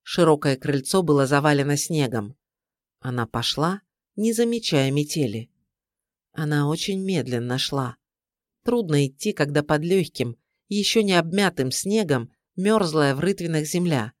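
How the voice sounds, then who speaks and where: Calm man narrating an audiobook. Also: a little high, no echo, studio quality. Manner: calm, measured storytelling.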